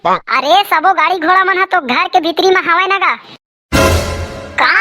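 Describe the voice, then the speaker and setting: Cartoon comedy, Chhattisgarhi accent, squabbling village characters voiced by one performer, extremely high pitch, noisy audio. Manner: squabbling, slangy, teasing. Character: squeaky bickering village cartoon folk. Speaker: voice of cartoon census takers and villagers. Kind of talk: comic cartoon dialogue.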